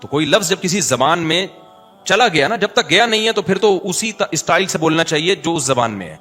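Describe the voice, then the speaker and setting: A man with a Karachi Urdu accent giving a religious lecture, moving between chanted recitation and chatty, animated asides. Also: on the high side, soft background music. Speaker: preacher.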